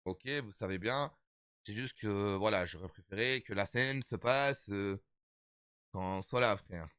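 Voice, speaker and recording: A man of thirty-five chatting casually with his stream viewers, animated and repetitive, calling them his brothers. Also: lowish voice, unhurried, clean tone, no room sound, clean studio sound. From Italian background. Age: 30s.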